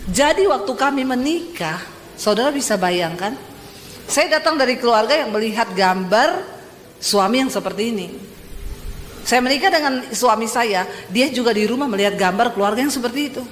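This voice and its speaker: A woman pastor from Sulawesi with a Sulawesi accent, preaching a sermon full of lively personal stories and addressing the congregation directly. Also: fairly high pitch, normal speed. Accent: Sulawesi Indonesian. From Sulawesi, Indonesia. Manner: lively, animated storytelling, addresses congregation as "saudara". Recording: echoey church hall, faint noise.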